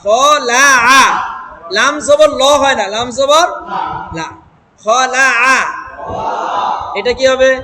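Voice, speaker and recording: A man with a very high voice leads a Quran reading lesson in a Bangladeshi Bengali accent. He drills syllables at an unhurried, deliberate pace, repeating each one and quizzing his students. Steady noise runs behind him. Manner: drills syllables aloud, repeating and asking the class.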